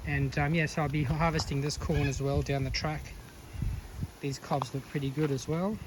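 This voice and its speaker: A chatty man narrating his own home vlog, relaxed and rambling, with a voice sitting a little high for a man. Faint crickets and outdoor ambience hiss softly behind him. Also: normal speed. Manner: chatty, relaxed, talks himself through tasks with fillers. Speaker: vlogger, home gardener and cook. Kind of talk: casual cooking and garden vlog. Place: home kitchen and vegetable garden.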